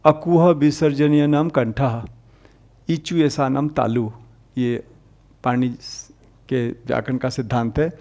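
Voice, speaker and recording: A man teaching an exam-prep Hindi grammar lecture, explaining patiently and repeating the sounds aloud, rising on key points and dropping low at the ends of phrases. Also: slow, long pauses, a little mellow, muffled recording.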